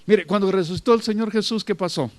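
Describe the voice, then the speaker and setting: A high-pitched man delivers a sermon at a quick pace, using emphatic, repetitive phrasing and repeatedly addressing listeners as "brother." The recording is dry and close, with little room sound and no echo.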